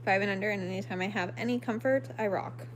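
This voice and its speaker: A woman's voice: mid-range voice, quick pace, a little hiss or hum. Chatty woman in her thirties livestreaming. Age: 30s. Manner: rambling and apologetic, lots of "um"s. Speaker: livestream host. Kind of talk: casual late-night live-stream chat, reading viewer comments. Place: at home at night, lit by a flashlight. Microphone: phone camera held close.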